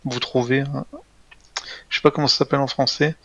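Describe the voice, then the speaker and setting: A man running a tabletop game as game master, talking in a relaxed, hesitant way with many fillers. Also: mid-range voice, fairly quick, vocal fry, no room sound, dull audio.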